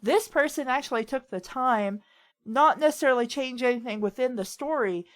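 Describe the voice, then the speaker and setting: At normal speed and with a voice that sits high, a woman hosts a writing advice talk. The chat is casual and rambling, and she often acts out others' words while advising.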